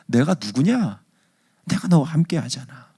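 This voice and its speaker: A male pastor voicing Jesus as an exasperated man shouting down a storm and scolding his frightened disciples, in a sermon retelling. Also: fairly high pitch, big pitch swings, a little slow, slightly rough, no echo, studio quality, voice pushed up, heavily acted. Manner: irritated, loud, rebuking.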